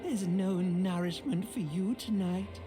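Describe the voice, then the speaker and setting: A woman's voice: medium pitch, unhurried, over music, close to an everyday voice. An actress voicing a seductive female inner voice of the limbic system in a video game, teasing and coaxing.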